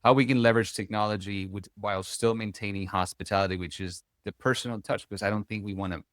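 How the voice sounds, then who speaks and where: A man's voice: fairly low pitch, fairly even intonation, fast, a bit bright, no room sound, studio quality. A man hosting a podcast, asking friendly, chatty questions and rambling through his own thoughts. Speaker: podcast host. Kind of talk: casual podcast interview.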